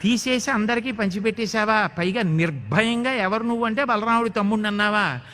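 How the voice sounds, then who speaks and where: A man playing an exasperated milkmaid, mocking questions, high bright voice. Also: fairly quick. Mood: incredulous scolding. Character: exasperated village milkmaid scolding a boy.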